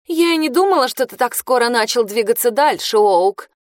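A woman reads a wounded high-school girl in an audiobook. She sounds hurt yet brave, in a raised, fairly high voice with a dry close sound. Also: expressive, a little fast, no echo, lightly acted.

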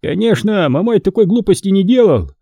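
A man doing a blustering bold ex-outlaw, loud and high. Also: sing-song, brisk, vocal fry, breathy edge, no room sound, studio quality, exaggerated voice. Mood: rousing. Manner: blustering, shouting and mocking. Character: bold gruff former outlaw, boastful commoner man. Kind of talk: audiobook character voicing.

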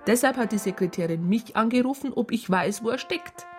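In a radio drama of narration and dialogue, an actress plays an indignant police psychologist who reports and accuses, laying out her complaint in precise, formal language. Her slightly high voice is expressive and fairly quick, lightly acted, with faint music behind.

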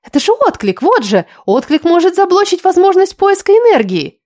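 Audiobook figure: sugary, scheming young woman, high and insistent, read by a woman. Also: very animated, moderate pace, darkish tone. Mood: agitated.

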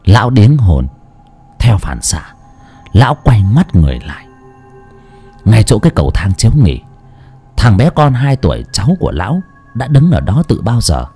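A man narrating a horror story in an expressive, dramatic storytelling style, then chatting jokily to listeners. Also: lowish voice, moderate pace, pauses often, slightly rough, soft background music. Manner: expressive, lively delivery; jokey, chatty afterword. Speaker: audiobook narrator.

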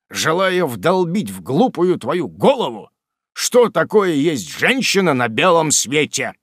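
A man voicing old Mr Weller, an elderly father who scolds and laments over his son in a loud, slow, emphatic way. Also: fairly high pitch, no echo, clean studio sound, exaggerated voice. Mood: reproachful.

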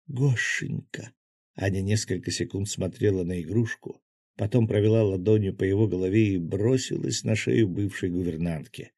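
A man reading an audiobook in a steady storytelling manner. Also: sits low, brisk, dry recording, studio quality. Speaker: audiobook narrator. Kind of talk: scripted narration.

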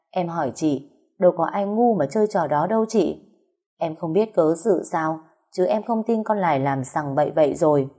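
A woman with a Southern Vietnamese accent voicing a shrewd middle-aged second wife who speaks in a measured, reasoning way. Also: lowish voice. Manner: measured, reasoning, a little sharp.

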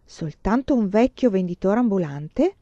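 A woman's voice: medium pitch, lively intonation, moderate pace, warm tone, dry recording, muffled recording, lightly acted. A woman voicing a determined young woman who presses earnestly for an answer in a storybook reading.

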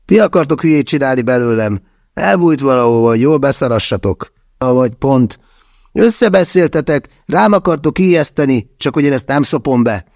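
A man voicing an easily offended, hot-headed young man who bursts out in shrill, indignant protest. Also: lively intonation, a little mellow, dry recording, studio quality. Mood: furious. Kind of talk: audiobook character voice.

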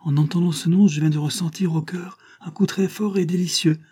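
An innocent young woman in a storybook, high, breathless and trembling, as a man puts her on. She keeps slipping into eager whispers, and the voice underneath is mellow and slightly husky. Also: expressive, normal speed. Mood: moved.

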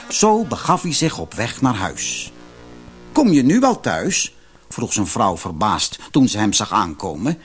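A man reading a fairy tale aloud as narrator, expressive and animated, with faint music behind. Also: mid-range voice, breathy edge. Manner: lively, expressive reading with voiced characters. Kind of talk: storybook narration.

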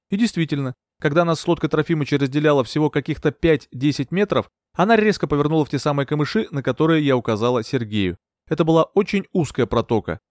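An audiobook reader with a mid-range voice narrates a thriller in steady, even storytelling. It's scripted narration, recorded dry with clean studio sound.

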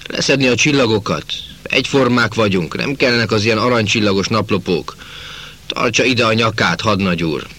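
A man reading the part of an angry young soldier who shouts mockingly at officers. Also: fairly low pitch, pitched above the performer's own voice. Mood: jeering. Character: angry young male soldier, jeering, rebellious.

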